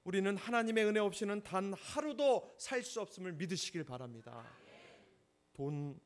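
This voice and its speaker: A male pastor delivers a Sunday sermon with emphatic weight. He keeps turning to his listeners with questions, in a voice that sits fairly high for a man. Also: animated, moderate pace. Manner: emphatic, asks the congregation questions.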